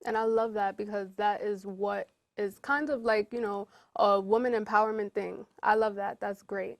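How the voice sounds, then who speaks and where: A woman's voice: medium pitch, fairly even intonation, vocal fry, dry recording. Upbeat lady host asking guests questions, mid voice, dry close sound. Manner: upbeat, encouraging, quick follow-up questions. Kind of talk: casual interview.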